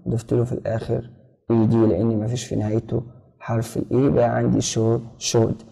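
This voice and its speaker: A middle-aged Egyptian man teaching English in a recorded lesson. He repeats each word several times and keeps asking rhetorical questions. His voice is gravelly, husky and mellow. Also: medium pitch, poor audio. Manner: repetitive drilling, rhetorical questions.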